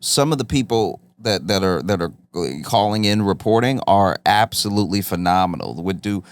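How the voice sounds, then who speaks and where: A man's voice: on the low side, animated, normal speed, no room sound. A man co-hosting a comedy podcast, telling stories animatedly and laughing through his riffs. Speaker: podcast co-host. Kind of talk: casual comedy chat.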